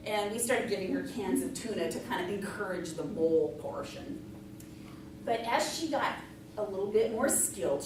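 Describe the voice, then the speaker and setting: A middle-aged woman telling a folksy tall tale live, in a conversational, tongue-in-cheek way. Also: fairly high pitch. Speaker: storyteller in a tall tales contest. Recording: echoey room from far off, noisy.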